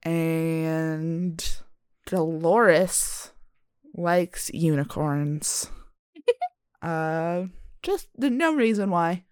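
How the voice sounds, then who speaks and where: Slow, joking woman game master. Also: low-pitched, animated, a little mellow, clean tone, no echo, clean studio sound. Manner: playful, joking, laughs often. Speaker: dungeon master. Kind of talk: running a tabletop game podcast.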